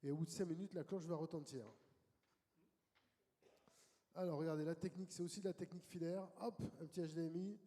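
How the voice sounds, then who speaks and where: A man moderating a conference panel, his voice dark and low in tone though a touch higher than most. He welcomes and directs guests in a brisk, friendly way. The sound rings with long reverb from a large hall. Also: fairly even intonation.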